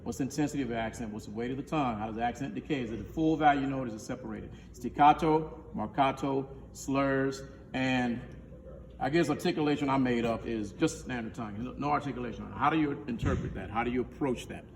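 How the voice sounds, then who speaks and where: A man's voice: mid-range voice, quick pace. A male band director teaches a rehearsal, counting off his players and singing syllables to demonstrate each note. He sounds distant from the microphone, and his voice rings with a long echo in a school band room. Faint noise sits under the recording.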